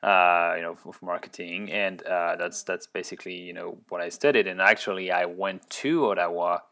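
Low-voiced French-accented man. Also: fairly even intonation, moderate pace, gravelly, pushed and bright. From France. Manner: hesitant, many restarts and fillers. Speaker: guest, company founder. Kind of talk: casual interview.

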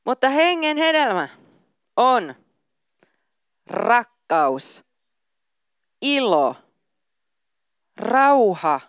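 A woman's voice: medium pitch, clear, resonant tone, dry recording, studio quality. A woman pastor giving a sermon, reading scripture aloud and then talking casually and informally.

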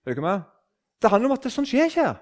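A man in his sixties from southern Norway, telling a story in a conversational way, often restarting his sentences. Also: very high voice. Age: 60s. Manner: animated, restarts sentences, acts out quoted speech. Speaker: speaker on faith.

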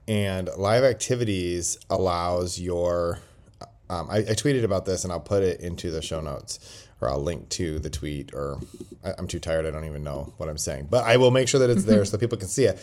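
A man's voice: low voice, moderate pace, darkish tone. A man hosting a podcast in casual chat, rambling and joking, recorded on a laptop's built-in microphone. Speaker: podcast host. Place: quiet indoor place while traveling.

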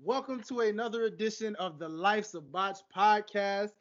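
A man's voice: sits high, normal speed, dull audio. A man hosting a podcast in casual, slangy interview chat, chummy and repeating words for emphasis. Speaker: podcast host.

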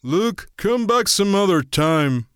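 A woman's voice: mid-range voice, lively intonation, takes it slowly, clear, resonant tone, no echo, clean studio sound. A woman voicing a lazy, grumpy young male rat who mumbles and whines without enthusiasm. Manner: whiny, unenthusiastic mumbling.

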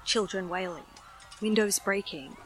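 A woman's voice: mid-range voice, measured pace, music in the background, poor audio. A woman narrating a scripted horror story in a dramatic storytelling style.

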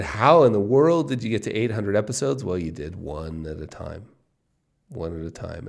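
A man in his fifties hosting his own podcast, musing aloud in an excited, casual solo monologue and often repeating himself. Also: on the low side. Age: 50s. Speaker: podcast host.

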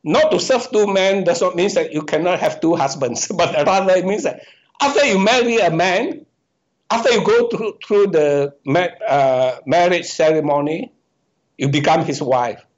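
A man's voice: high-pitched, normal speed. A man, an economics professor, answering interview questions and explaining his ideas step by step, often breaking off and correcting himself. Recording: dull, muffled lo-fi audio.

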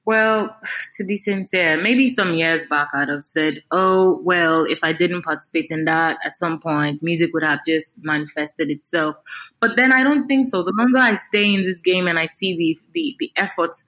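Speaking at a moderate pace in a lowish voice, a Nigerian woman in her thirties, a singer, gives a casual interview. She is animated and expressive and tends to repeat words while thinking.

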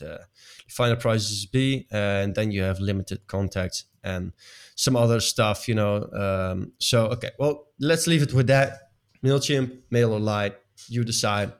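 In a casual chat, a man whose first language isn't English speaks hesitantly, full of fillers and restarts. His voice is fairly low with noticeable vocal fry.

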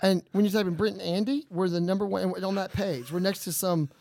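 A man's voice: high voice, steady tone, fast talker, creaky, a little mellow. Rambling man telling stories on a podcast. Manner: rambling storyteller, acts out quoted voices. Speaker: podcast co-host. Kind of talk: casual banter.

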